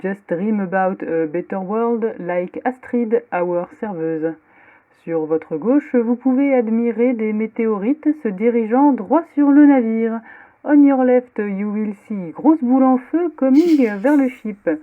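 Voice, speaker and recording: A woman's voice: fairly high pitch, takes it slowly. A woman playing a mock airline captain on the cockpit headset, reading a comic recap as cabin announcements and mixing French with broken English. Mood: deadpan announcing. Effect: tinny cockpit-announcement sound. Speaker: podcast co-host giving the episode recap. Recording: tinny phone-like line.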